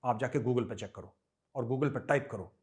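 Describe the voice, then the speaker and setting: A middle-aged Indian man hosts a political commentary show, speaking emphatically and scornfully and piling on rhetorical questions. His voice sits in the mid range, with a moderate pace and a somewhat dark tone.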